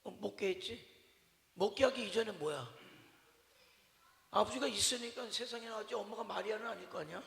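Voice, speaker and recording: A man's voice: sits high, brisk, vocal fry, long pauses, fairly bright tone, slight background noise. A male pastor preaching a sermon to his congregation, talking conversationally, quizzing them with repeated questions and telling stories about his mother with humor. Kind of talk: sermon at a Wednesday evening service. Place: church sanctuary. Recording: echoey church hall with long reverb.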